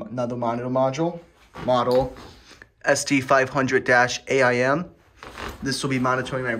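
A man with a mid-pitched voice narrates a hobbyist's walkthrough. He is casual, technical and matter-of-fact. The handheld phone recording carries faint noise. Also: a bit bright. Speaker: hobbyist demonstrator. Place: home garage and adjoining rooms, handheld camera.

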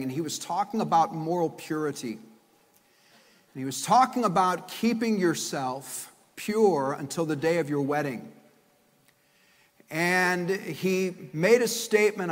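A man preaching from a pulpit microphone in a large church, his voice a touch higher than most men's. He swells from quiet thanks into loud, emphatic sermon delivery. The sound rings with a long reverb from the hall. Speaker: guest preacher.

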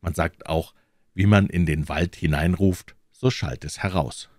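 Deep-voiced man teaching German slowly. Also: darkish tone, dry recording, studio quality. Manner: slow, careful explanations with examples. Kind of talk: explaining German to learners.

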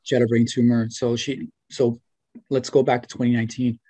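A man's voice: mid-range voice, little pitch movement, brisk, warm tone, dry recording. Earnest young man on a video call. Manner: earnest, grateful, many fillers like "you know" and "right". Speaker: interview guest, former student. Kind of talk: video call interview, casual. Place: small room at home. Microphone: webcam or laptop mic on video call.

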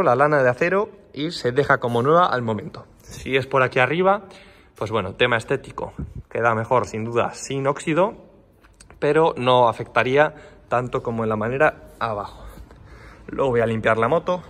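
Holding a phone camera in his indoor workshop, a custom bike builder tours one of his motorcycles in a relaxed but thorough way. He points out parts one by one and explains them, speaking in a mid-range voice with a fairly bright tone.

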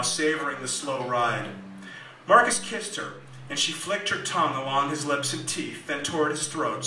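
Man giving a dry, bright-toned live reading. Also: medium pitch, slight background noise. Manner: dry, deadpan asides. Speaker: author reading his novel. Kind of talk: live comic fiction reading. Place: small music club. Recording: echoey club, mic at a distance.

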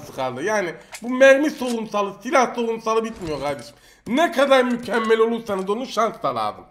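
A young man giving joking, excitable commentary over a mobile shooter game, talking to enemies and viewers. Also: high voice, slight background noise. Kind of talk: live gameplay commentary.

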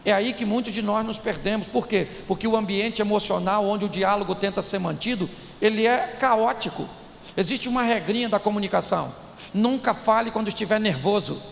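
A man with a high, very gravelly voice preaches to a live crowd, joking and calling out to them. His voice rings through a large echoey hall with faint noise underneath. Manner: animated, jokey, addresses the crowd directly. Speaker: preacher, speaker. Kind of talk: humorous preaching to a live audience.

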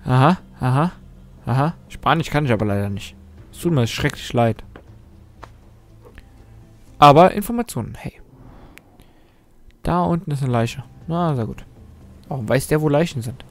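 A young man casually commenting on his gameplay, excitable, taunting and swearing at the game's characters. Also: mid-range voice, moderate pace, pauses often. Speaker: let's play host.

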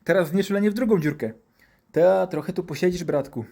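A man's voice: sits high, a little fast, vocal fry, warm tone, pitched above the performer's own voice. Man doing a crude drunk braggart doctor. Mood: boastful. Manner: coarse, swaggering, swears constantly.

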